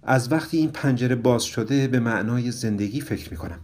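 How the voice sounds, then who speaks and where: A man voicing a dreamy, touchy young bride who turns shrill and speaks in a drawn-out, polite way. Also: darkish tone, lightly acted.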